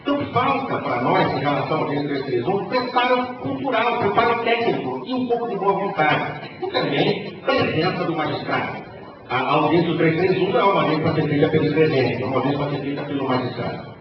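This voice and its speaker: A Brazilian-accented man speaks from a panel at a conference, his high and animated voice rising and falling as he spins wry anecdotes. He sounds distant from the microphone, and his words ring through a big reverberant hall. The recording is muffled and carries a steady hiss of noise. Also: fast. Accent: Brazilian Portuguese. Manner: lively storytelling, wry humour. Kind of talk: conference lecture. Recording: echoey hall, distant dull mic, noisy.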